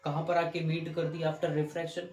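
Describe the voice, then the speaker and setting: This physics lecture comes from a man whose fairly high, slightly mellow voice stays flat at a moderate pace. He draws on the board, walks through each step, checks understanding with questions, and fixes his own slips, all recorded in an echoey room with faint ambient noise.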